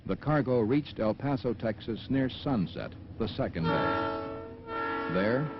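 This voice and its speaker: A man's voice: mid-range voice, lively intonation, unhurried. A man reading formal, scripted documentary narration on a dull film soundtrack. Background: music.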